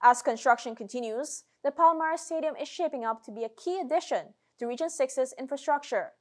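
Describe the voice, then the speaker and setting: A woman with a Guyanese accent delivers a news report in a measured, scripted newsreader style. Her voice sits a little higher than most women's, and she narrates the story steadily. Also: darkish tone.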